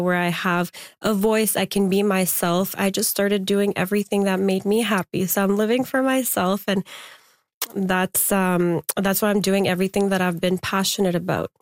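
A young woman originally from Afghanistan talks earnestly in an interview, laughing softly now and then. Her voice sits at a middle pitch. The sound is dry and close. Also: dry recording. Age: 20s. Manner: earnest, open, with frequent soft laughs. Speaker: interview guest, pageant contestant. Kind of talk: recorded interview.

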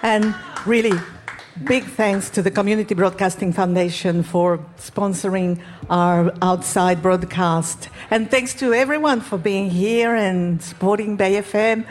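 A woman with a mid-pitched voice wraps up a community radio broadcast. She thanks the sponsors and supporters warmly. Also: a little slow, a little hiss or hum. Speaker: radio presenter. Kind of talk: broadcast sign-off.

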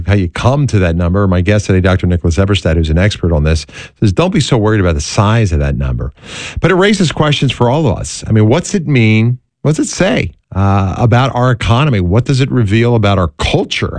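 A middle-aged man hosting a live call-in radio show with a smooth radio host delivery, welcoming callers and guests. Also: fairly low pitch, darkish tone, dry recording.

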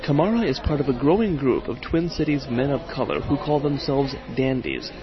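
A man's voice: mid-range voice, a little fast, lo-fi sound, a crowd in the background. A male radio reporter telling a feature story and interviewing people, with a wry, conversational delivery.

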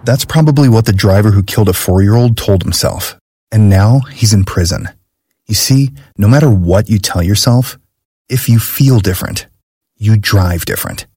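A man reading a public service ad voice-over, measured and serious. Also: on the low side, expressive, dark tone, breathy edge, no echo, clean studio sound. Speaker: announcer.

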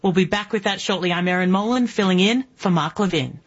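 An Australian woman of about forty-one or forty-two guest-hosts a political talk radio show, her husky voice driving an insistent monologue full of rhetorical questions. Her pitch is medium and her pace a little quick, with muffled sound.

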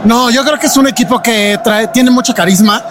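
A man's voice: very high voice, normal speed, over music. A man with a Mexican accent, interviewed as a fan, easygoing and a bit joking. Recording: noisy street.

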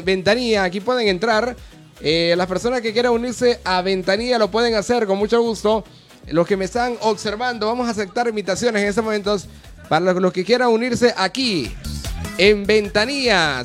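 High-voiced Honduran radio host. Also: male voice. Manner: friendly, chatty, greets callers warmly. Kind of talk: live radio call-in chat.

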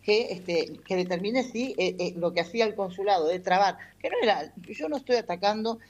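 Speaking a little fast in an expressive, medium-pitched, darkish voice, a patronato representative works through a legal explanation during a radio-style interview. She frequently pauses with fillers, especially "este". The highs are cut off.

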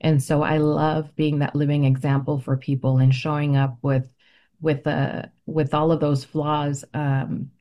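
Here the interview guest is a middle-aged woman whose first language is Spanish, reflecting on her work teaching ethnic studies. Her deep, warm voice has a flat delivery, while her speech stays earnest, careful and articulate.

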